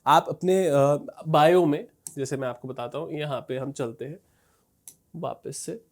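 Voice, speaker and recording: In a casual screen-share tutorial, a man teaches Instagram growth conversationally, often checking in, using frequent fillers, and repeating "thik hai" and "dekhiye". His voice is a little high and mellow, and he speaks unhurriedly.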